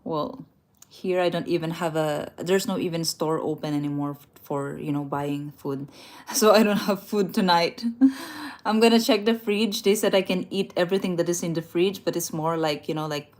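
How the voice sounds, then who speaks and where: A woman from the Philippines with a low voice speaks at normal speed during a casual travel livestream. Indoors in a rented room at night, she reads viewer comments out loud, laughing often and frequently restarting what she's saying.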